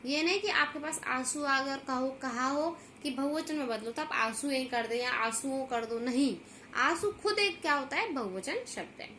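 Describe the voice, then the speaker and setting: Woman grammar teacher with a bright voice, patient and repetitive, checks in often. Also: high-pitched, lively intonation, normal speed, a little hiss or hum. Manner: repeats "ठीक है ना" to check understanding, stretches out example words. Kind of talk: classroom grammar lesson.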